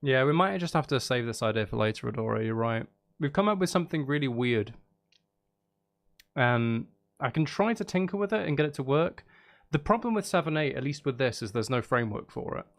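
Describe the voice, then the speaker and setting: Chatting on a relaxed stream as he writes music, this man has a medium-pitched, expressive voice with vocal fry and a slightly quick pace. He works things out aloud, counting beats and humming rhythms over background music.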